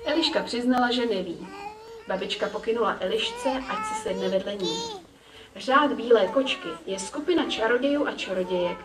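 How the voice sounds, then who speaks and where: A woman reading a children's story aloud in a calm, measured way. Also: a little high, background noise. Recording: roomy, distant, faint ambience.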